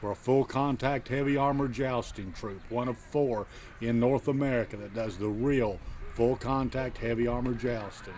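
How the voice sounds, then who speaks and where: A man gives an informal interview as a jousting knight. His voice is medium in pitch and his delivery is explanatory and deliberate. Faint outdoor noise sits behind him. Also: a little mellow. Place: outdoors at a fair, near horses.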